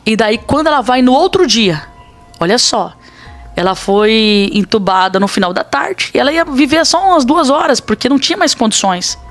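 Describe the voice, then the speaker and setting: A woman's voice: on the high side, lively intonation, normal speed, soft background music. A woman pastor with a Brazilian accent, telling a personal testimony in a podcast interview in an earnest, dramatic way. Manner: earnest, dramatic storytelling with quoted dialogue.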